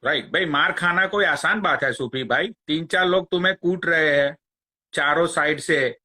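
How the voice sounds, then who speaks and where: A man, ranting on a phone live stream in a slow, crude, mocking way. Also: a little high, pushed and bright. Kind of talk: angry rant on a live stream.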